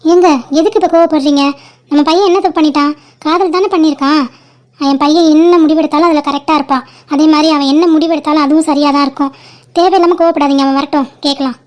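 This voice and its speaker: A woman plays a protective middle-aged cartoon mother who pleads with her husband and defends her son. She talks high and fast. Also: fairly even intonation, lightly acted. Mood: pleading. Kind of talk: cartoon family drama voicing.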